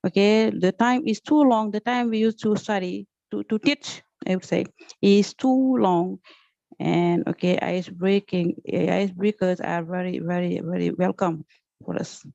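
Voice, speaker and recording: This teacher from Senegal, Senegalese-accented, has a medium-pitched, steady, warm voice with some creak, and she takes her time. Joining a group class in an online training, she makes an unscripted, hesitant remark, repeating words and saying "okay" a lot. The audio is dull, with no echo.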